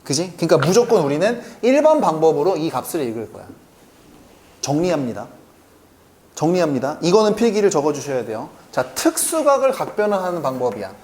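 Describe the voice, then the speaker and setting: Lively male math teacher, quizzing students. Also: a little high. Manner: keeps checking in with quick rhetorical questions to students; answers his own questions aloud. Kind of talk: classroom math lecture.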